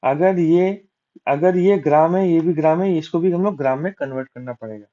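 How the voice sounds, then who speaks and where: On a dull, lo-fi recording, a male maths tutor preps students for exams, speaking fairly quickly in a mellow voice on the high side. He solves sums aloud stepwise, answers his own questions, and uses English maths terms within Hindi.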